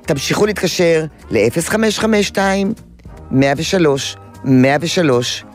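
An older woman hosting a call-in radio show as a child therapist, explaining things in an animated way. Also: lowish voice, faint music behind. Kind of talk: call-in radio advice talk. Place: radio studio.

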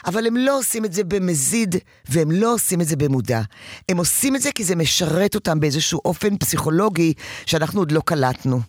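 Animated woman giving parenting advice. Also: lowish voice, no room sound, clean studio sound. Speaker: parenting counselor. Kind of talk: advice session.

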